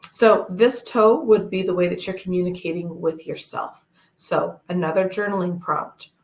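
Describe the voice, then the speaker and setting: Woman reader, gentle and measured, low gravelly voice, echoey room. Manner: gentle, measured, with fillers and pauses. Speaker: toe reader. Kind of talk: one-on-one reading to camera.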